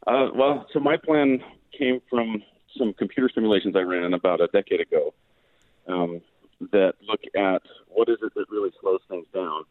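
A low-voiced man comes through a thin, tinny phone line that fades in and out. He is a professor explaining things to a radio host. He speaks patiently, with plenty of "um"s. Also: moderate pace, dry recording. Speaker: guest physics professor.

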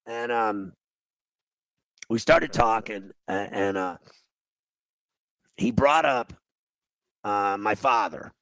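A man in his 50s hosts a radio show, telling a long, rambling, self-mocking story in a gravelly, grating voice. He speaks on the low side and slowly, leaving long pauses, with a fairly bright tone. There's no echo, but the recording quality is poor.

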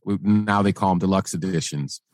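A man with a fairly low voice speaks as an interviewer. He explains things conversationally and matter-of-factly, with a close, dry sound. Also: normal speed, a little mellow, no room sound. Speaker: interviewer with music industry experience.

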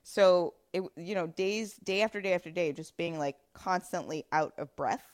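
Chatty woman podcast host, low-pitched. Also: moderate pace. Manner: chatty, frequent fillers and laughs. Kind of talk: casual conversation.

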